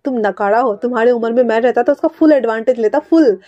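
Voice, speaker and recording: A woman's voice: a little high, fast, dark tone, dry recording, close to an everyday voice. Woman doing a bossy teasing uncle. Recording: dull lo-fi dry recording.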